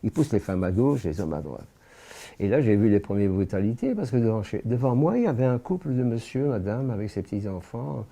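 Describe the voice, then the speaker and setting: Testifying as a witness, a French-born man in his eighties speaks slowly and gravely in a low, very dark, mellow voice with a sing-song lilt. He halts frequently, pausing and starting his sentences over while hunting for words.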